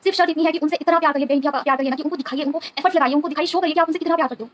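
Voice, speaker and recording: Very fast, high-voiced woman spiritual guide. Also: fairly even intonation. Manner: devout, keeps asking the listener "okay?". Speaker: tarot reader and spiritual guide. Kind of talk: earnest spiritual talk to viewers.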